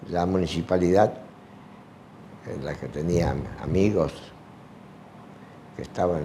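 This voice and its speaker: Older man, low mellow voice, unhurried halting interview answers, faint hiss behind. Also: creaky. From Argentina. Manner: slow, halting, with many fillers. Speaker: retired sports teacher.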